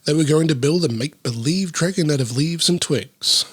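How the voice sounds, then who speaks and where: A man reading a children's book aloud, breaking off for deadpan, sarcastic and sweary asides. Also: on the high side, normal speed, slightly rough, no echo, clean studio sound.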